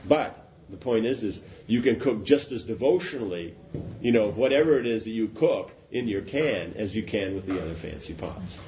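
A man's voice: lowish voice, lively intonation, normal speed, warm tone. A man giving an informal spiritual talk, rambling with restarts and often asking whether it makes sense. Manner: rambling, repeats and restarts, asks "does that make sense?". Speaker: spiritual teacher. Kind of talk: informal philosophical discourse. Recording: dull lo-fi recording with faint noise.

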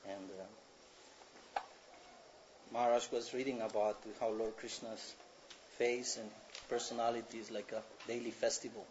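A man's voice: medium pitch, flat delivery, normal speed, pauses often, darkish tone. A man from Ecuador presents a scripture reading to a class, hesitating often with fillers. The sound is muffled, with a faint hiss in the background. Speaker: student presenter. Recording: muffled recording with faint noise.

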